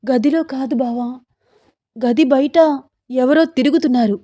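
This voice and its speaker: A woman voicing a frightened young wife who pleads in a high, breathless voice. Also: unhurried, warm tone, no echo.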